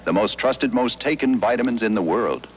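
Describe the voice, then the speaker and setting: A man delivering a scripted vintage television commercial pitch as the announcer. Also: animated, moderate pace, slight background noise, low-quality recording.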